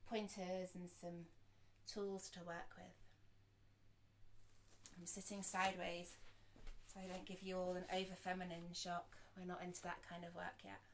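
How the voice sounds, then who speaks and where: Soft-spoken meditation guide, lowish woman's voice. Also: completely flat delivery, slight background noise. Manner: soft, slow and soothing, with gentle pauses. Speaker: sound healer and meditation guide.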